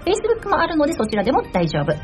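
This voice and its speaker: Lively woman radio host over background music. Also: sits high, rapid-fire. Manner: polite, chatty, often punctuates with "hai" and "ne". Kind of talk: live community radio presenting with chatty asides. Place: radio studio.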